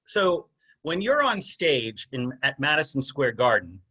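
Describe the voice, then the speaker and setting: A man's voice: mid-range voice, big pitch swings, a little slow, pushed and bright, breathy edge. A man interviewing a musician friend, rambling through his questions with lots of fillers. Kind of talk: casual interview.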